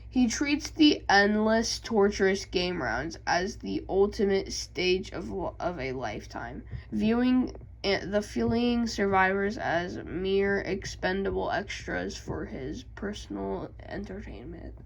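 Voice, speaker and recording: A young woman vlogging about game lore, halting with many ums, reading passages and then explaining them in her own words. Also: medium pitch, lively intonation, vocal fry, slight background noise. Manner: hesitant, many ums and restarts. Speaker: gaming YouTuber. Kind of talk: casual vlog and lore reading.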